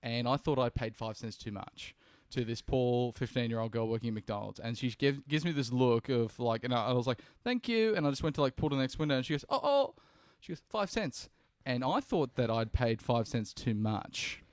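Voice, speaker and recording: A man's voice: medium pitch, fairly even intonation, fairly quick, hardly any pauses, no echo, studio quality. An Australian man telling a funny story in casual podcast chat, joking and laughing as he talks. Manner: jokey, laughing, chatty storyteller.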